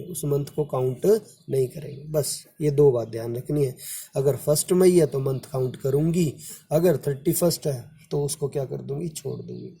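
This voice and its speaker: Gravelly yet mellow and a little high, this man's voice comes with a slight hiss or hum as he lectures on commerce. His classroom manner is casual and warm: he counts months out loud, addresses students as "बेटा", and repeats their questions.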